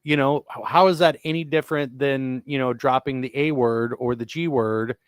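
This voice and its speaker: Male podcast co-host, casual rambler, even mid voice, dry studio sound. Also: medium pitch, moderate pace, smooth, no echo. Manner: rambling, restarts often, enthusiastic about sci-fi tech. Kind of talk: casual chat.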